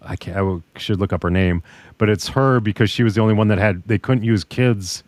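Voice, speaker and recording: Man, podcast co-host, casual chat, low voice, rambling delivery, dry close sound. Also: a little fast, dry recording. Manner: rambling, loses his train of thought.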